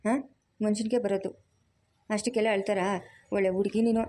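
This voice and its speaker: A woman voicing a bossy, caring middle-aged village aunt, in a loud, scolding, teasing manner. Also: medium pitch, fairly even intonation, a little fast, close to an everyday voice.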